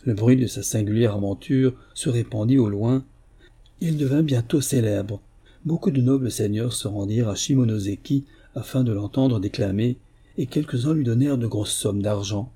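Husky, mellow male storyteller. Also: mid-range voice. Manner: measured storytelling delivery. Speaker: audiobook narrator. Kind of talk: scripted narration.

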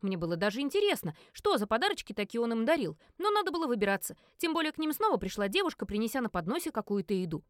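A woman reading a first-person novel aloud in an animated, wry storytelling manner. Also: fairly high pitch, racing, hardly any pauses, no echo, studio quality. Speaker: audiobook reader.

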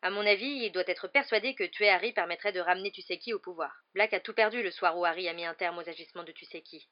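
A woman's voice: fairly low pitch, quick pace, close to an everyday voice. A woman voicing an earnest middle-aged father who presses his point in a storybook reading, with a slightly dull recording. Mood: urgent. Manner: earnest, insistent.

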